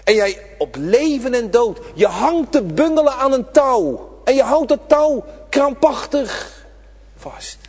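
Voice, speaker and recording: A man preaching a sermon, impassioned, swinging from loud appeals to hushed whispers, in a church. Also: very high voice, expressive, slow, breathy edge. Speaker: pastor. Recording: reverberant church hall.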